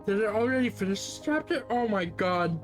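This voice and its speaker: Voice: medium pitch, expressive, fairly quick. Live-stream game narrator; wry, muttering asides, faint music under the voice. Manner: sarcastic, swears and mutters asides. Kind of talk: live game read-through with commentary.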